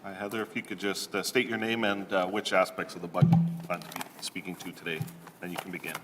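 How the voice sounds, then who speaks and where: A man chairing a public committee meeting, calling up speakers in a measured, procedural way with hesitant fillers. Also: low-pitched, level tone, music in the background. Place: large council chamber. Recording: long reverb of a council chamber, faint room hum.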